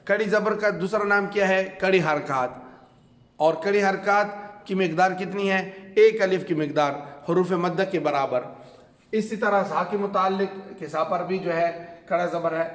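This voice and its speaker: A man with a Pakistani Urdu accent teaching a reading lesson at a board, drilling questions and answers with frequent filler sounds. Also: high voice. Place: classroom with a board. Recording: echoey room with long reverb.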